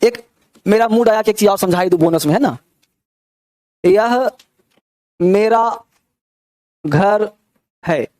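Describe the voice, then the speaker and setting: A man's voice: high voice, slow pace, long pauses, a little mellow, no room sound. Man teaching grammar, dry sound. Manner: drills pronunciation and keeps checking with students. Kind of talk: classroom lecture.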